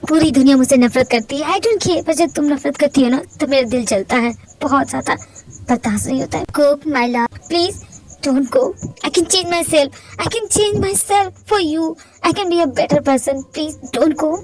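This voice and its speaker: A woman's voice: high voice, brisk, a little mellow, low-quality recording. A woman voicing an obsessive, possessive young mafia husband in a fan-fiction audio drama, pleading one moment and lashing out the next. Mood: desperate. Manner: pleading and possessive, swings to angry outbursts.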